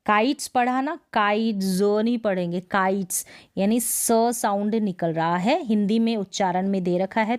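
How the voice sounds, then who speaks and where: A woman teaching English pronunciation in Hindi, repeating each word slowly and asking herself questions as she explains the rules. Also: a little high, a little mellow.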